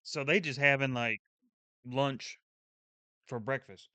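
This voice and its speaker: A man's voice: medium pitch, takes it slowly, bright, forceful tone, smooth, no room sound. A young man hosting his channel, reacting to a food video in casual, blunt commentary, swearing freely and thinking aloud with restarts.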